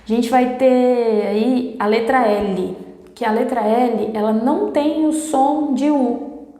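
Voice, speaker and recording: A Brazilian woman, a native Portuguese speaker, giving a casual Spanish lesson in a chatty way, often repeating herself and slowing down to demonstrate sounds. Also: a little high, dark tone. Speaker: Spanish teacher. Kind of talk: casual online language lesson. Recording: echoey room with long reverb.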